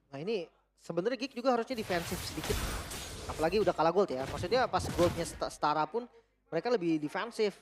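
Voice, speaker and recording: A man's voice: high voice, expressive, fast, noisy background. A man giving casual, analytical match commentary as an esports caster.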